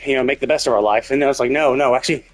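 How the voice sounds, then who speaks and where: Over game music, a man hosting a livestream races through casual game commentary in a medium-pitched voice. His talk rambles as he thinks out loud along the way.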